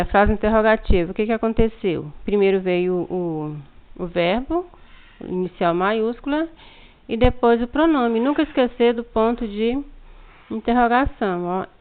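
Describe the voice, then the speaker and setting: A woman with a Brazilian Portuguese accent, teaching a remote English lesson and explaining patiently step by step, often prompting students to look. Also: on the high side. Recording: tinny phone-like lo-fi sound.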